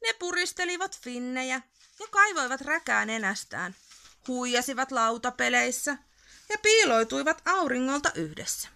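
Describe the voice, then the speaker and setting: A woman reading a picture book aloud as a bedtime story, expressive and playful. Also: high voice, vocal fry.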